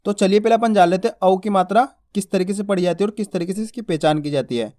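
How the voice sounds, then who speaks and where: A man teaching children to read Hindi. He sounds out each syllable slowly, drawing out and stressing the vowels, and keeps quizzing the viewer with short questions. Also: sits high, mellow. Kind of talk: spoken lesson.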